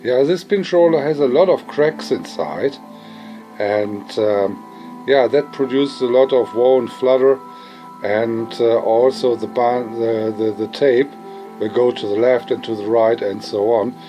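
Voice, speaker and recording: A hobbyist presenter demonstrates vintage audio gear in an informal, unscripted way, speaking hesitantly and repeating phrases for emphasis. His voice is warm and medium-pitched, his pace measured, with soft music in the background.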